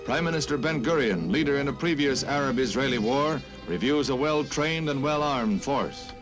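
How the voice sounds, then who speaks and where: A man's voice: mid-range voice, expressive, moderate pace. An American man narrating a 1950s newsreel in a dramatic, punchy announcer's delivery. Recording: old newsreel soundtrack under loud music.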